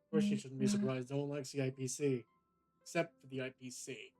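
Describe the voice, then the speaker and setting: Mellow-voiced guy streamer, swears a lot, game music under him. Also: mid-range voice, flat delivery, fairly quick. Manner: profane, blunt, joking. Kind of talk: casual gameplay commentary. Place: home streaming setup.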